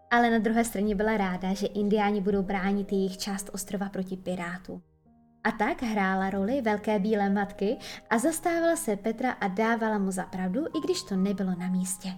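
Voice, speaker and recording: A woman narrating a children's audiobook in a lively, playful way. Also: mid-range voice.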